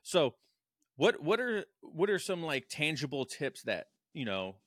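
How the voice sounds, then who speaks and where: A man's voice: on the high side, big pitch swings, measured pace, a bit bright, dry recording, clean studio sound. A man in his thirties hosting a podcast, asking questions casually and hesitantly, with many fillers. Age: 30s. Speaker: podcast host.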